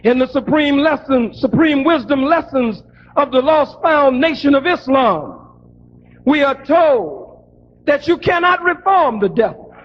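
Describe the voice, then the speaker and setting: A man delivering a fiery commentary in a shouting, preacher-like style. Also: extremely high pitch, lively intonation, measured pace, dull audio, a little hiss or hum.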